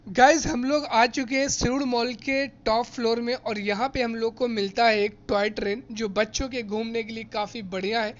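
A man's voice: extremely high pitch, fairly even intonation, normal speed, lo-fi sound. A man casually narrating a tour vlog through a large indoor shopping mall, chatting to viewers as guys and explaining prices and offers. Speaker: vlogger.

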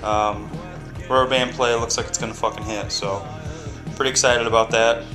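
A man's voice: medium pitch, fairly even intonation, normal speed, over music, low-quality recording. A man in his thirties talking casually to a webcam while cooking in his home kitchen, rambling with lots of ums and swearing freely. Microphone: webcam camera mic.

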